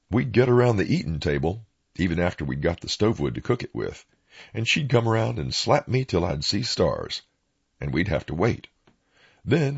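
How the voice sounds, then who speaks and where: A man with an Appalachian accent and a gravelly, raspy voice, telling folksy first-person oral-history stories in plain-spoken rural dialect. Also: deep voice, dull audio.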